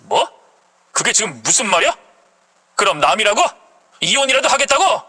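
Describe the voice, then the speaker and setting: A woman's voice: medium pitch, big pitch swings, moderate pace, pushed and bright. A woman reading the part of an indignant husband who defends his mother and accuses his wife.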